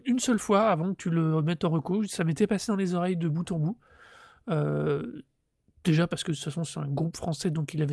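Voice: medium pitch, darkish tone, no room sound, clean studio sound. A podcast co-host chatting casually about music, often correcting themselves mid-sentence.

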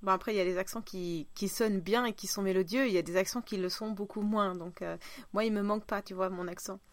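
A woman's voice: mid-range voice, steady tone, quick pace, no room sound. Woman, southern French accent, casual podcast chat, teasing, dry close mic. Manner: chatty, laughing, teasing. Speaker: podcast co-host.

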